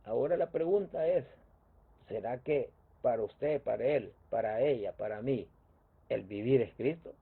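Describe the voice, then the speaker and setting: A man's voice: medium pitch, unhurried, gravelly, husky. A man preaching a sermon, repeating his phrases and asking rhetorical questions with a prompting "mm?". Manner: repetitive, rhetorical questions, asks "mm?". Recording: tinny phone-like sound.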